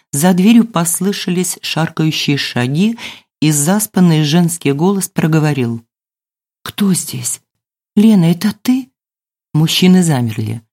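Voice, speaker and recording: A woman narrating a novel as an audiobook in a measured storytelling manner. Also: low voice, a little mellow. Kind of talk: scripted narration.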